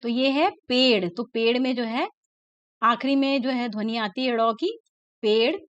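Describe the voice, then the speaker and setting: A woman's voice: on the high side, steady tone, clean tone, dry recording. Patient woman teacher, dull dry recording. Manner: patient, repeats words slowly and checks in with "ठीक है ना". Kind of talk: classroom lesson explaining a textbook.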